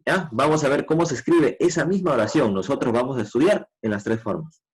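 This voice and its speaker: A man teaching a grade-school English lesson, patiently explaining grammar and modeling English sentences slowly. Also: mid-range voice, husky, poor audio. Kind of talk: online class explanation.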